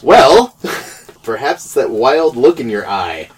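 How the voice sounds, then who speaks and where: A man's voice: medium pitch, slow pace, slight background noise. A man in casual chat, telling a story with lots of laughter and acted-out dialogue. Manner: animated, laughs while telling stories, acts out quoted exchanges.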